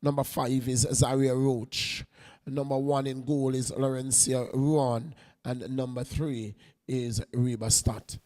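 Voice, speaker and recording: A man giving unhurried live play-by-play commentary on a women's football match, lifting his voice when play gets close to goal. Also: mid-range voice, level tone, dark tone, long reverb tail. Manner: unhurried play-by-play, rising on attacks.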